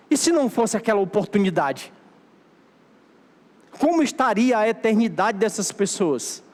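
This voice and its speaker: A Brazilian Portuguese-speaking man preaching a sermon as pastor, exhorting his church in a repeating, emphatic cadence. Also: high-pitched. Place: church sanctuary. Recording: long hall reverb of a church.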